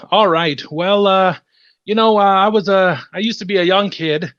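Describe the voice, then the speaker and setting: A man's voice: high-pitched, measured pace, fairly bright tone, no echo, lo-fi sound. A man improvising a rambling comic story over a video call, hesitating often with fillers. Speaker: improv player.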